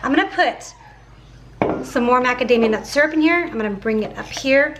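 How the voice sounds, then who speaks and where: A woman's voice: fairly high pitch, noisy background. A woman chatting casually to viewers while cooking in her kitchen, with a slight lisp from dental aligners. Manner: chatty, addresses viewers as guys, many fillers like 'like'. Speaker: cooking vlogger. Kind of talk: casual kitchen vlog chat.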